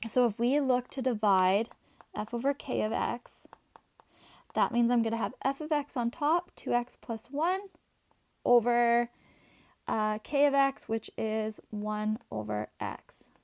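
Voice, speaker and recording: A woman teaching a math class, chatty and talking her students through each step as she writes, her voice a little hoarse. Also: a little high, measured pace, darkish tone, no echo. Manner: chatty, talks while writing, asides to students. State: voice going, slightly hoarse.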